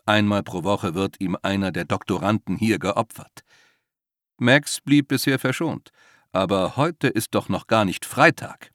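Man, narrator, humorous story, wry, slow, lively pitch, dry close sound. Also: dry recording.

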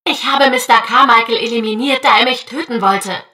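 A woman's voice: on the high side, fairly quick, pushed and bright. A woman voicing a defensive, menacing rogue artificial program in a story reading. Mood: insistent.

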